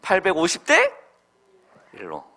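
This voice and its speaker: A man preaching a Sunday school sermon to children, quizzing them with questions and swinging from loud calls to soft murmurs. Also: high voice, wildly swooping pitch, unhurried, gravelly. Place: church.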